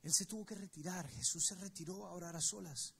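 A man's voice: high-pitched, fairly quick, vocal fry, fairly bright tone, a little hiss or hum. A man preaching a sermon to his church, telling the story with emphasis and speaking straight to the congregation. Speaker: pastor. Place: church service.

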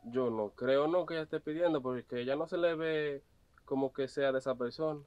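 A young adult actor in a web drama plays an obedient servant at a farm gate, teasing and mocking with chuckles. His mid-range voice is fairly quick, clear and resonant, close to everyday speech, recorded lo-fi without echo.

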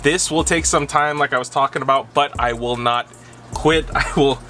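A man's voice: medium pitch, normal speed, over music. A young man hosting a casual unboxing vlog from a dim room at home, talking straight to the camera. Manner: animated, talks straight to camera with gestures. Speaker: resale vlogger.

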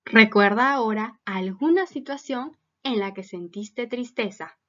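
A woman's voice: on the high side, measured pace, bright, forceful tone, muffled recording. A woman teacher giving a recorded lesson for children, patiently asking them many questions.

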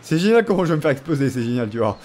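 Young man, gameplay commentary, jokey and teasing, lively pitch, slightly high voice, faint hiss behind. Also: rapid-fire. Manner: joking, teasing, talks to the viewer and opponent. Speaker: gaming YouTuber. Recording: faint background noise.

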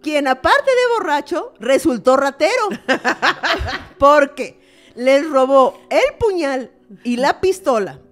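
High, lively Mexican woman joking. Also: slow, faint music behind. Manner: playful, joking, teasing. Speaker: podcast co-host. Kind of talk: casual chat and monologue.

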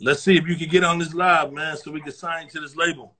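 A man's voice: on the high side, fairly even intonation, fast talker, a crowd in the background. A man hosting a live comedy stream, roasting callers with teasing banter. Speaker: livestream comedy host.

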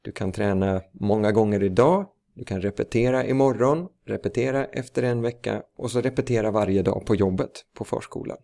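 Slow-talking gravelly man teacher. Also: on the low side, warm tone. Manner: slow, careful, with filler sounds. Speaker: language teacher. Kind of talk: slow instructional explanation.

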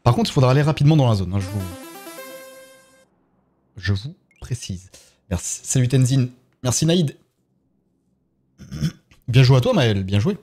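A man's voice: medium pitch, expressive, unhurried, long pauses, warm tone, soft background music. A man with a French accent, chatting casually on a live game stream and thanking viewers one by one as he plays.

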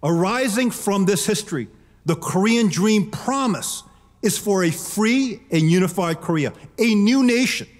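Middle-aged man, keynote speech, slightly high voice, podium mic, long hall reverb. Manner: measured, emphatic, gestures while speaking. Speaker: keynote speaker. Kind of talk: formal prepared speech. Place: large conference hall. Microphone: podium microphone.

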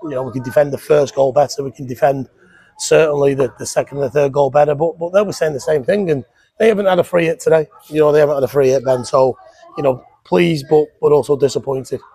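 A man, a football manager giving an animated post-match interview on a headset mic in a stadium press box. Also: a little high, fast talker, slightly rough, no room sound. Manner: animated, repeats words when fired up.

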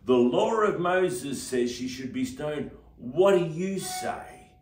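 A taunting, snarling crowd of angry men, as a male preacher puts them on, pitched up and loud. The sound is roomy, from a mic some way off. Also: expressive, slow pace, recorded from a distance.

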